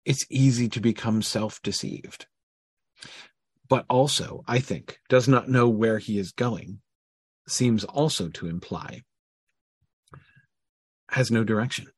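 A man's voice: fairly low pitch, slightly rough, no room sound, studio quality. A man teaching a Bible passage in an informal study talk, thinking aloud with frequent restarts and checks of "right?".

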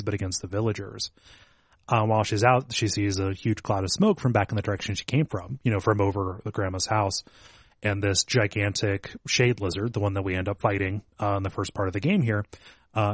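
A man's voice: fairly low pitch, no room sound, clean studio sound. A man co-hosting a podcast, recapping a game's plot at length with lots of fillers. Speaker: podcast co-host. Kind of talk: casual chat about a video game.

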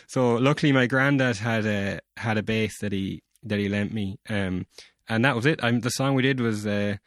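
A man's voice: fairly low pitch, normal speed, no echo, clean studio sound. A young man with a West of Ireland accent chatting casually in a rambling, informal way, full of filler phrases. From County Mayo, Ireland. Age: young adult. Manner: rambling, informal, peppered with 'like' and 'you know'. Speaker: guest, bass player. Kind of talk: casual chat.

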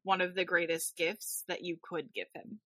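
A woman's voice: lowish voice, little pitch movement, moderate pace, pushed and bright, no echo. A woman co-hosting a podcast in casual film chat, making dry, matter-of-fact remarks. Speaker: podcast co-host. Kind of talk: casual movie discussion.

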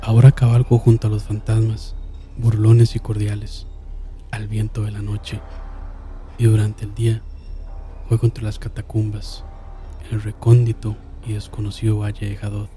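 A man narrating a horror story in a slow, solemn manner, dropping to a hush and swelling again. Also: lowish voice, monotone, faint music behind. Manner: slow, solemn, with hushed drops and sudden swells. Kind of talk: dramatic horror story reading.

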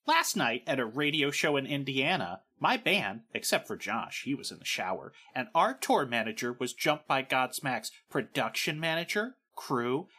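A woman's voice: sits low, a bit bright. A woman putting on a ranting British rocker. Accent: put-on British. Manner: profane, indignant reading aloud. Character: swaggering British rock frontman ranting online.

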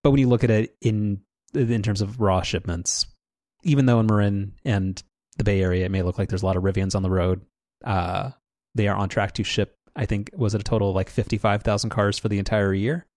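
A man's voice: fairly low pitch, fairly even intonation, brisk, darkish tone, no echo. A man co-hosting a podcast, rambling casually with restarts and dry sarcasm. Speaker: podcast co-host.

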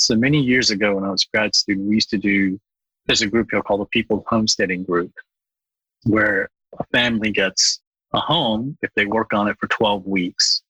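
Earnest lower-voiced man, podcast guest. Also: pushed and bright, breathy edge, dry recording, rough recording. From Bangladesh. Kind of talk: podcast interview.

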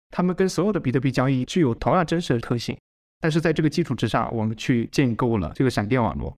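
A man with a mid-range voice explains technical material as a podcast guest. He talks quickly and methodically, rephrasing points as he builds them up. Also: medium pitch.

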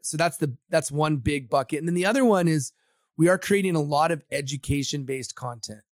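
This Samoan man, an agency founder guesting on a podcast, sounds confident and motivational throughout the casual interview. His voice leans high. The audio is studio quality without any echo.

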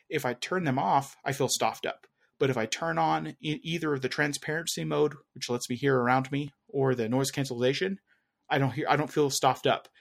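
A young adult man co-hosts a podcast, chatting casually about tech in a rambling way full of fillers and restarts. His voice is medium-pitched and creaky.

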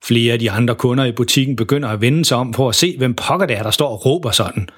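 A man reading a children's story aloud in a steady, even storytelling manner. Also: mid-range voice, slightly rough. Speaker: narrator. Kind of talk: scripted children's story narration.

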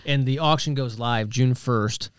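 A man's voice: medium pitch, unhurried, clean tone, no room sound, studio quality. A man hosting a podcast, chatting casually and joking with his guests. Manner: relaxed, joking, wraps up the show. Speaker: podcast host. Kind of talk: casual chat.

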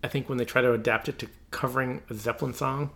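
A man with a gravelly voice chats in a relaxed way on a podcast. He often hesitates and gropes for the right words. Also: mid-range voice, quick pace. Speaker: podcast co-host. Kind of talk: casual chat about music.

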